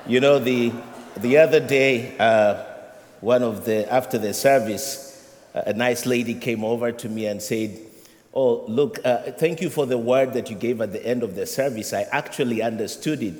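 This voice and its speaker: A man's voice: mid-range voice, normal speed, darkish tone, in a large hall. A middle-aged man with a Ugandan accent preaching a sermon as associate rector, with a humorous, conversational delivery. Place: church sanctuary.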